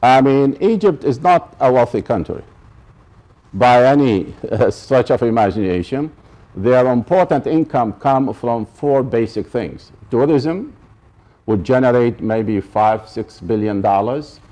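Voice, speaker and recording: With measured pacing and an animated, mellow voice of medium pitch, an Iraqi man lectures at a college, underlining and restating key ideas while making sure listeners follow along as he gives this public talk.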